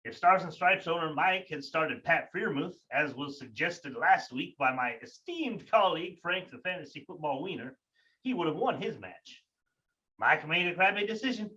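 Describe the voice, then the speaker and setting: A man putting on a higher, mock-serious voice as a reporter broadcasting live from a sewer, with an echoing tunnel sound. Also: lively intonation, normal speed, bright, forceful tone, far from the mic. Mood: mock gloomy. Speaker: fantasy league commissioner.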